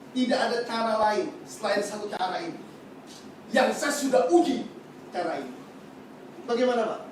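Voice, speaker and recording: Animated pastor preaching in an echoey church. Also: male voice, very high-pitched. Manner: animated, mixes in English phrases, acts out questioners. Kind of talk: live sermon. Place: church sanctuary. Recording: echoey hall, distant mic, faint hiss.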